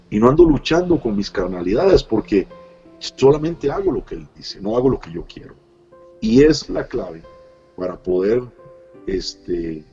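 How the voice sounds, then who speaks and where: A man's voice: lowish voice, mellow, husky. Man, middle-aged pastor, earnest testimony, hesitant fillers, dull lo-fi sound, faint music behind. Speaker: pastor, interview guest. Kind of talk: personal testimony in an interview. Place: Costa Rica.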